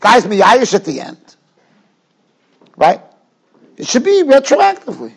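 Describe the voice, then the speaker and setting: A man giving an informal, animated religious lecture, in an emphatic, questioning way full of rhetorical tags. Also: extremely high pitch, takes it slowly, gravelly, slightly rough. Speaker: Talmud teacher.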